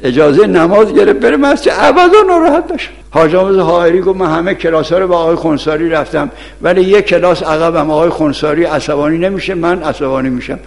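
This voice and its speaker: Gravelly man giving an ethics sermon. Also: a little high, few pauses, darkish tone. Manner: admonishing, storytelling, quotes sayings of scholars. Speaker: cleric teaching seminary students. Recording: long hall reverb.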